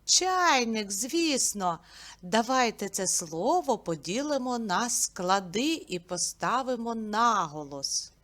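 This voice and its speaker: A woman teaching a literacy lesson to small children, reciting riddles and slowly splitting words into syllables. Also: fairly high pitch, very animated, a bit bright. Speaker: preschool teacher.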